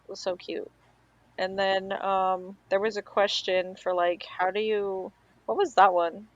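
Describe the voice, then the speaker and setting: Woman, casual podcast co-host, rambling storyteller, mid-pitched, dry sound. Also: level tone, a little slow, no echo, dull audio. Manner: chatty storytelling, many "like" fillers. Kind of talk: casual chat.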